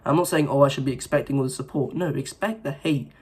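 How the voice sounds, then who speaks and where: Talking casually to camera, a young vlogger focused on self-improvement delivers an earnest motivational ramble with lots of fillers and false starts. His medium-pitched voice is quick and a bit breathy, and his throat is sore after a recent illness.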